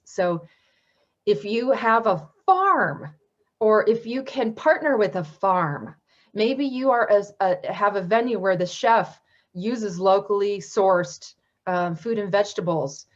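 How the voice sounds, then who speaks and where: A woman's voice: mid-range voice, a little slow, dull audio. A woman giving a webinar presentation on marketing, talking in an enthusiastic, conversational teaching manner. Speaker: marketing speaker.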